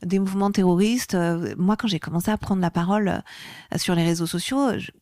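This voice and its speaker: This interview conversation features a French woman, an activist guest, whose fairly low, darkish voice comes through with no room sound. At a moderate pace she talks with passion, her emphasis building until she sounds heated.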